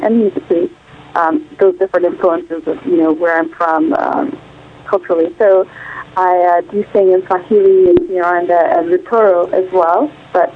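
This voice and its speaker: A guest singer from Illinois, United States, is interviewed over a tinny phone line. Her voice is on the low side and husky, and she speaks thoughtfully, searching for words with frequent fillers.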